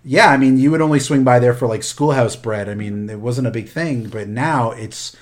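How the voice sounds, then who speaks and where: Guy cohosting a chill chat, jokey, lots of ums and restarts, middle pitch. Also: moderate pace. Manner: animated, joking, many fillers and restarts. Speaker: podcast co-host. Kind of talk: casual chat.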